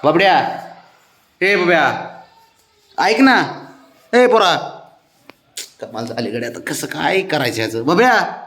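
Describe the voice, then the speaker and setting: A man's voice: on the high side, big pitch swings, takes it slowly, pauses often, a bit bright. A man coaxing his sulking pet in doting, repetitive baby talk for a casual vlog.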